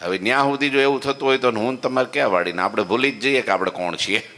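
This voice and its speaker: Bright-voiced preacher telling stories. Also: male voice, fast talker, long reverb tail. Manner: storytelling, swings between loud exclamations and low asides, checks in with listeners. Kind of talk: devotional story sermon. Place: temple hall.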